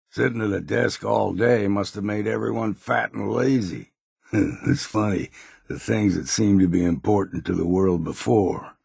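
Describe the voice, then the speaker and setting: A grizzled old hunter from a video game, with a deeply gravelly, husky voice. He talks slowly in a folksy, old-timer way, gruff and wary but good-humored. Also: no echo, studio quality, heavily acted. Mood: musing, scornful. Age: older. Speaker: video game companion character. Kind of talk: scripted game voice lines.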